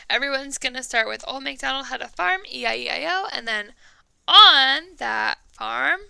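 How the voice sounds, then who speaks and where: A woman's voice: sits high, gravelly, pushed and bright, no room sound, low-quality recording. A woman music teacher reading a story to young children with lots of expression, singing the refrain and asking them questions.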